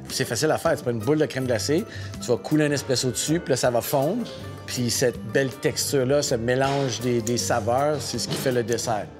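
A man chats in a relaxed way about coffee, as a roaster talking to the camera. His voice sits at a middle pitch. Clear music runs beneath him. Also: a little fast. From Italian descent. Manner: relaxed, chatty. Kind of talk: casual interview.

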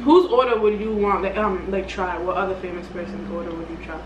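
A woman's voice: on the low side, steady tone, a little fast, dull audio. A young woman co-hosting a food video, chatting casually with slang while eating fries. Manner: casual slang-heavy talk. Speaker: mukbang co-host. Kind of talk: casual chat. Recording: roomy, distant, noisy recording.

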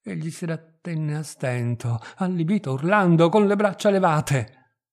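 A man reading a literary short story aloud in a measured, expressive narrating manner. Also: on the high side. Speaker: reader.

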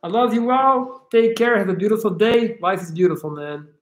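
With lively intonation and a moderate pace, an upbeat Belgian coach in his thirties chats with viewers and reads their comments during a casual home livestream. His voice is high for a man, captured by a laptop webcam mic in his living room.

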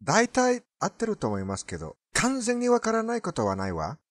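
A man's voice: high-pitched, wildly swooping pitch, fast talker, very noisy. A native Spanish-speaking man with a foreign accent, giving language lesson commentary.

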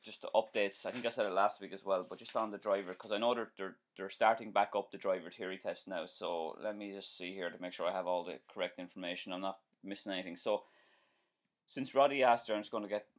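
Speaking fast in a low-pitched voice with fairly even intonation, an Irish-accented man in his forties hosts a live stream as a driving instructor. Sitting in a small indoor room at home, he casually answers viewer comments, friendly and chatty, with repetition, restarts and many ums and uhs.

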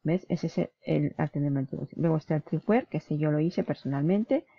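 In a casual screen-share, a woman who vlogs about online business speaks fairly quickly in a low-pitched, husky voice with vocal fry. She's chatty, frequently asks "¿vale?" to check on her viewer, and corrects herself mid-word. The sound is lo-fi, without echo.

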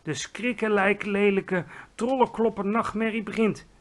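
A man's voice: sits high, steady tone, a little slow, voice pushed up. A man voicing a big friendly giant who whispers and mangles his grammar, in a storybook read-aloud. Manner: hushed, whispering, quaint broken grammar.

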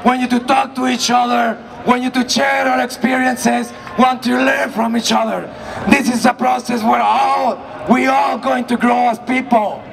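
A man from Chile giving a shouted protest speech at an outdoor rally, his voice worn out from yelling. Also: very high-pitched, flat delivery, normal speed, gravelly. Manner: impassioned, rallying. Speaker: rally speaker. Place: outdoor city rally in front of a large building. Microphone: far camera in the crowd. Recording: distant voice over a noisy crowd. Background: cheering crowd.

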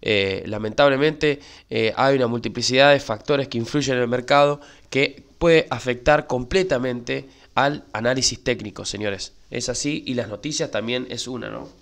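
A man's voice: medium pitch, moderate pace, gravelly, hardly any pauses, a bit bright. A man with an Argentine Spanish accent who runs a crypto channel on YouTube and talks to viewers casually, with lots of "eh" and "¿sí?". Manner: chatty, repeats filler "eh" and asks "¿sí?". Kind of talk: casual spoken market commentary.

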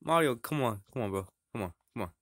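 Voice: mid-range voice, lively intonation, quick pace, dry recording, clean studio sound, lightly acted. A performer voicing a dim-witted, laid-back male chef puppet in a plush comedy sketch, mumbling and trailing off hesitantly.

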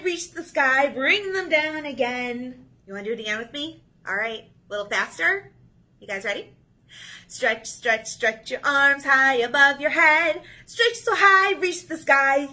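A woman in her thirties, a children's librarian, leads a storytime in a small indoor room, reading aloud and doing action rhymes. Her voice is high and sharp, unhurried, with an encouraging, sing-song delivery.

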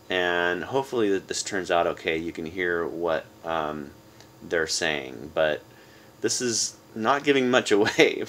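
Low-voiced man rambling casually. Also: fairly bright tone. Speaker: vlogger. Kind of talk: casual, rambling chat to camera. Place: small room indoors at home.

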